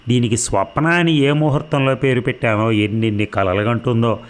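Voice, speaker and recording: A man reading a novel aloud as an audiobook narrator, in a steady storytelling manner. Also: mid-range voice, normal speed.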